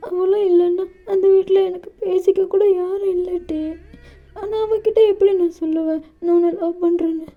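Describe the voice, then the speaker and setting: A woman's voice: very high-pitched, flat delivery, normal speed, pitched above the performer's own voice. A woman voicing an anxious, clingy young man who pleads and sobs in a storybook romance. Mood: tearful pleading. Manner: sobbing, pleading, sulky. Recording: dull lo-fi with faint music.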